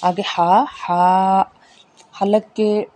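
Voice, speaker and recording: A woman teaching a Tajweed lesson, spelling out letters slowly and patiently explaining how each one is pronounced, with faint background noise. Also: mid-range voice, little pitch movement, dark tone. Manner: slow, patient, repeats each point. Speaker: Quran reading teacher.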